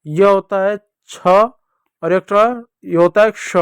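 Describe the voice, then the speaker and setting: A man gives a patient, slow lesson to small children, sounding out each letter and repeating it. His voice sits high for a man and comes through smooth and clear. The recording is close and dry, with no room sound. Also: no echo. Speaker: teacher. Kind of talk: children's Hindi alphabet lesson.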